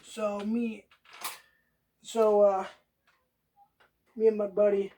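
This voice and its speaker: A woman's voice: medium pitch, flat delivery, slow pace, warm tone, slight background noise. A woman hosting a casual how-to video, rambling, swearing freely and talking straight to the viewer. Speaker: DIY video host.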